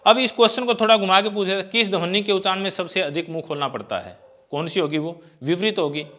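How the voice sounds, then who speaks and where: A man's voice: high voice, fast talker, bright, forceful tone. A man teaching an exam-prep grammar lecture. He asks questions and answers them himself, and he draws out vowel sounds as he demonstrates them.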